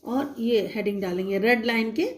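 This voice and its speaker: Woman teacher talking to little kids, kinda high voice, slow and patient, keeps checking they follow. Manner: patient, slow spelling-out of letters and vowel signs, frequent check-ins. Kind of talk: recorded online class for young children.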